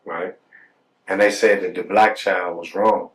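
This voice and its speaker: Deep voiced guy telling his story on a podcast, kinda far off the mic, stumbles and repeats words. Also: fairly even intonation, a little slow. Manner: repeats words when heated, frequent "you know what I'm saying". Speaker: podcast guest.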